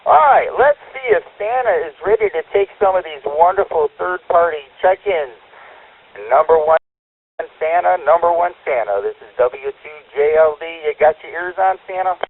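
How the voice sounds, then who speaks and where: A man serving as control operator of a radio net handles check-ins in folksy, upbeat radio lingo. His voice is fairly high with lively intonation and a moderate pace, coming through a tinny two-way radio channel with no echo.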